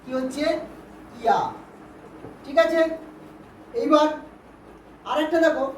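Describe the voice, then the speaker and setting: Woman, English teacher, high voice, patient and repetitive, quizzes pupils, roomy recording. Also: slow pace, darkish tone. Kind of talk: Bengali-language grammar lesson. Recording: roomy, distant, faint background hiss.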